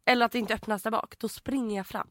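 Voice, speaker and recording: A woman's voice: on the high side, no room sound, clean studio sound. A young woman, co-hosting a podcast and teasing her friend, acting out stories in casual chat. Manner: animated, teasing storyteller who acts out dialogue. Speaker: podcast co-host.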